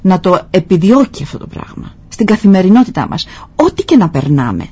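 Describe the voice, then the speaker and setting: A woman hosting a talk show, speaking softly and telling stories with pauses and fillers. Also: lowish voice, sing-song, breathy edge. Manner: soft-spoken, storytelling with pauses and fillers. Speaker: host. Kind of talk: reflective talk-show conversation. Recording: dull lo-fi sound.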